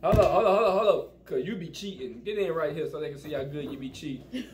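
A man hosting a family vlog, joking loudly and laughing as he plays games with his kids at home. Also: on the high side, animated, quick pace, a little hiss or hum. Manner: loud, joking, laughs often. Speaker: family vlog host, father. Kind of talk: casual family game chat.

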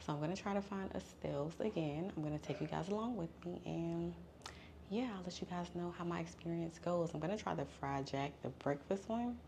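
A woman's voice: lowish voice, brisk, gravelly, a little mellow, slight background noise. A young woman talking casually to viewers as a travel vlogger. She talks straight to her audience and fills her speech with "like" and "literally". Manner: chatty, addresses viewers directly, many "like"s and "literally"s. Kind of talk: casual vlog talk to camera.

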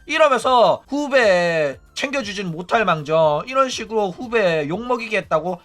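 A man hosting a casual commentary stream, animated and acting out quoted people in raised voices. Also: high voice, moderate pace, soft background music. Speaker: streamer host.

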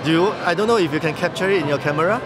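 A man, giving a brisk, persuasive product pitch at a trade show, filling gaps with "uh". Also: loud music behind the voice. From Singapore. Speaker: company tech chief giving a product demo. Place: busy indoor trade-show hall. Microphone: handheld camera mic held close. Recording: loud trade-show crowd. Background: loud crowd chatter.

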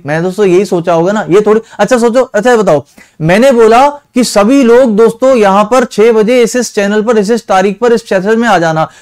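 A man with a notably high voice leads an online exam-prep lesson in reasoning. He talks to his students directly and coaxingly, asking them again and again to answer honestly. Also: a little mellow, clear, resonant tone. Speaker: teacher.

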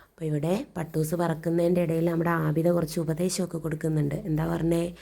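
A woman's voice: sits low, flat delivery, brisk, vocal fry, dark tone. A woman teacher reading a story to children and explaining it, asking questions and answering them herself. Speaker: primary school teacher.

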